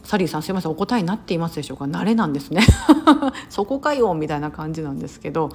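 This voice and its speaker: A woman's voice: sits low, rapid-fire, breathy edge. A woman from Osaka chatting casually on her podcast, full of fillers and self-corrections. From Osaka, Japan. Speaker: podcast host. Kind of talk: casual solo talk.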